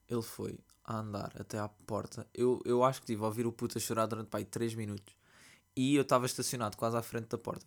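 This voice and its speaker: A young man with a European Portuguese accent hosting a solo podcast late at night, telling a story in an animated, slangy, ranting way while sleepy. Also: medium pitch. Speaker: podcast host. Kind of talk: casual solo podcast monologue. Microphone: computer mic.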